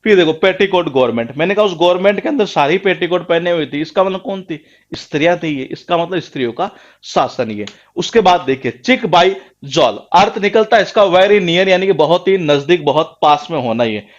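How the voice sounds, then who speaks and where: Man, Rajasthani Hindi accent, coaching-class lecturer, repeats words and quizzes the class himself, slightly high voice, muffled lo-fi recording. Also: animated, brisk. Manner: rhetorical questions, answers them himself. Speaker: English teacher for exam prep.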